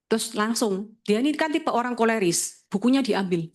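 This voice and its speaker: A woman tells her own story as an insurance agent. She is a lively storyteller who acts out both sides of each conversation. Her voice sits a little higher than most women's. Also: normal speed. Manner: lively storyteller acting out dialogue. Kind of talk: motivational storytelling talk.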